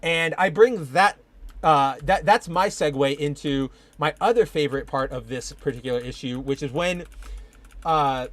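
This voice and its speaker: A man's voice: on the high side, moderate pace, no echo. A young man hosting a casual live-streamed podcast, rambling and enthusiastic, full of fillers. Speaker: podcast host.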